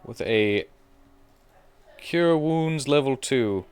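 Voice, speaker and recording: Running a tabletop RPG, this game master tells the story playfully and performs fight scenes with sound effects. His mid-range voice is expressive and extremely slow. The background is noisy, with music playing behind him.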